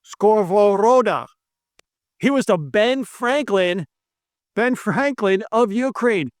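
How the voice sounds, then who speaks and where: A monetary economist from the United States teaches a video lesson, talking earnestly and persuasively to camera indoors among brick and stone walls. Here his kinda high voice is animated and slow, recorded dry and close with no echo. Emphatic, he keeps repeating his main claims and stumbles on foreign names.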